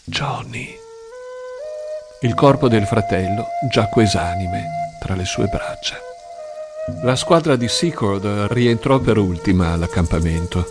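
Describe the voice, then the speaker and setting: Expressive male narrator over music. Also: lowish voice, unhurried. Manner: expressive, tense storytelling. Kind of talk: dramatic audiobook narration.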